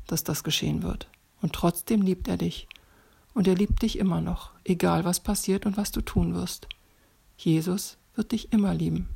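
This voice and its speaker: A woman narrates a children's bible story in a lowish, gravelly voice with a husky, breathy grain. She turns often to the child listening and speaks to them directly. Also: a little mellow.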